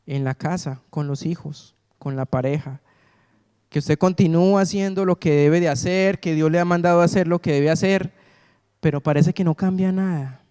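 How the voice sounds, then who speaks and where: High, resonant preacher man. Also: fairly even intonation, normal speed, warm tone, clean tone. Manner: call-and-response, asks congregation to fill in words. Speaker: pastor. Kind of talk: sermon. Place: church sanctuary. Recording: long reverb of a church hall.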